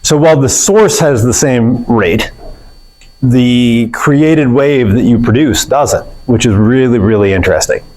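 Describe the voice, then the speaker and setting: A man lectures his physics class in a relaxed style full of fillers and self-corrections. He has a mid-range voice with a darkish tone and keeps a measured pace. The recording quality is low.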